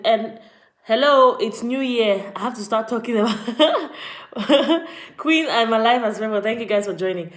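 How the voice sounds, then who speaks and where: A woman from Cameroon talks straight to her viewers in a casual live stream, greeting them as they join. Her voice sits at an ordinary pitch. The room gives it a noticeable echo. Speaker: vlogger.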